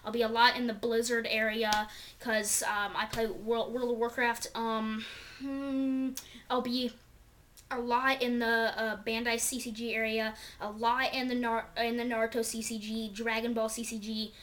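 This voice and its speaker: A woman's voice: a little high, level tone, moderate pace, fairly bright tone. Chatty young woman vlogging at home. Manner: chatty, rambling with many fillers. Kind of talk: casual vlog chat. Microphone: camera mic.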